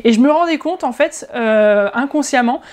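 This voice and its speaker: Chatty French woman, higher voice. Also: normal speed, a little mellow. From France. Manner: chatty, many hesitations and restarts. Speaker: language-learning YouTuber. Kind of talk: casual vlog monologue.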